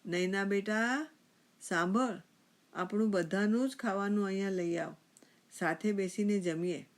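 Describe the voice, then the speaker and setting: Woman narrator doing an older father: slow, tender, drawn-out calls. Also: mid-range voice, close to an everyday voice. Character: elderly father, gentle and affectionate.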